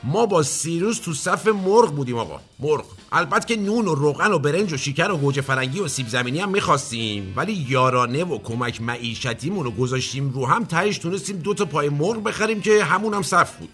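A man's voice: on the high side, expressive, hardly any pauses, fairly bright tone, faint music behind. A man playing a self-important politician in a satirical comedy monologue, drawling and mock-formal with heavy sarcasm. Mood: pompous. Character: pompous blustering male politician, self-important. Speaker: comic character host.

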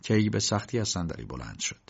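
Man, audiobook narrator, measured, gravelly, lo-fi recording. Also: lowish voice. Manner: measured, steady storytelling. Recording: dull lo-fi recording.

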